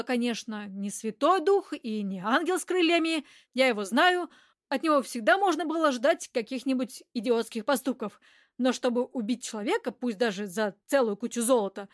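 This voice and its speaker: A woman reading an audiobook, voicing a calm, measured man who tries to settle a quarrel. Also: on the high side, dry recording, clean studio sound, natural voice. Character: calm, level-headed man, peacemaker and flat owner.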